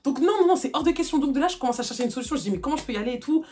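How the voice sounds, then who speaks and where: A young woman telling a personal story in a casual vlog, animated and packed with fillers. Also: high-pitched, background noise. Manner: rapid, animated retelling full of fillers.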